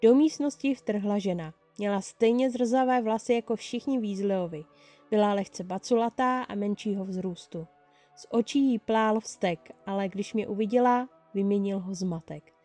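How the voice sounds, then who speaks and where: A woman reading a fan story aloud in the first person, telling it in a lively way. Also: medium pitch, soft background music. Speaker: fan-fiction reader.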